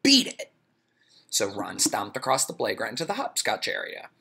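A man reading a children's storybook aloud, playful and expressive. His voice is bright and animated, with a wide lively pitch range. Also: moderate pace, gravelly, breathy edge. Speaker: reader.

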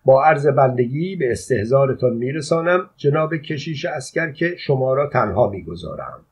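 A man doing a calm, coolly scolding soldier servant. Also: mid-range voice, slightly rough. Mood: formally dutiful. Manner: unruffled, formal, coolly scolding. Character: calm, polite-mocking soldier servant, middle-aged man. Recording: dull lo-fi audio.

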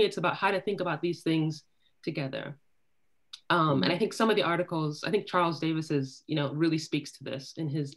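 A woman speaking on a panel over a video call, building her points slowly and tagging them with "right?". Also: sits low. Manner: thoughtful, tags points with "right?". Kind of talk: academic panel discussion. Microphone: laptop video call.

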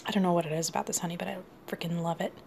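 Woman, 30s, casual vlogger, low gravelly voice, noisy kitchen recording. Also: fairly even intonation, very fast. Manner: chatty, many ums, laughs easily. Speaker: food vlogger. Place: home kitchen, indoors.

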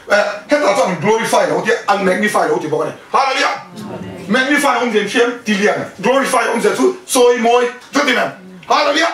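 Preaching at a home fellowship, a man with a high, slightly bright voice talks quickly and animatedly, constantly putting questions to his audience and sprinkling in English vocabulary. He's recorded from afar in a room with echo.

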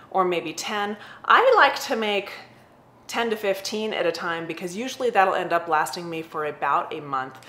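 In her forties, a woman with a low-sitting, pushed, bright voice offers casual, practical meal prep tips to camera from her home kitchen. Her manner is conversational and upbeat, and a close webcam or laptop mic picks up echoey room sound.

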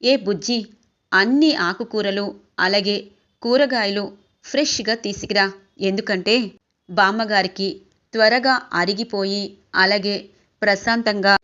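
A woman's voice: mid-range voice, a little slow, long pauses, a bit bright, natural voice. Kind young woman teacher, read by a female narrator, polite, lo-fi sound. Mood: earnest. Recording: dull lo-fi recording.

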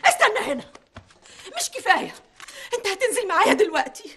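A woman's voice: sing-song, fast talker, fairly bright tone, full character voice. An actress playing a middle-aged Egyptian mother, frantic and tearful with fear for her missing son. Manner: shrill, pleading, tearful outbursts. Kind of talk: TV drama acting.

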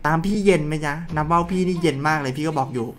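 A man calling his own mobile game match, swearing, teasing, and yelling at his teammates. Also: fairly high pitch, very fast, noisy background. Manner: loud, crude, joking, shouts at teammates. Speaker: gaming streamer. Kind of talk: excited live game commentary.

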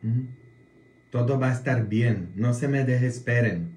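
Polish-born male priest, casual viewer talk, very slow, roomy echo, keeps tossing in "mm?" checks. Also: mid-range voice, darkish tone. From Poland. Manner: slow, drawn-out delivery with frequent "mm?" tag questions.

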